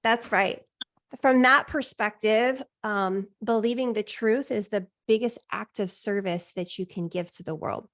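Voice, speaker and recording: Encouraging woman coach with gravelly edge. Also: medium pitch, measured pace, few pauses. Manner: encouraging, affirming, reflective. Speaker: life coach. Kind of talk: coaching session.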